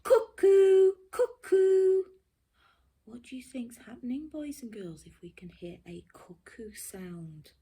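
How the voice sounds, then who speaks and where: A primary school teacher, a woman with a medium-pitched, slightly husky voice, reads a storybook to young children slowly and carefully. She is expressive, often sinks into a hushed near-whisper, and pauses to ask her listeners questions the way a teacher would.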